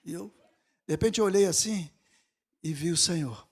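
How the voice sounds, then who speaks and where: Brazilian male preacher, middle-aged, high voice, tells stories dramatically, drops to hushed tones then rises loud, acts out quotes. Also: normal speed, slightly rough, in a large hall. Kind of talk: sermon storytelling.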